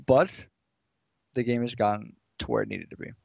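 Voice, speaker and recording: A man co-hosting a reaction video, speaking in an excitable, emphatic way. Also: medium pitch, normal speed, gravelly, no echo, dull audio. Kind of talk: casual reaction video commentary.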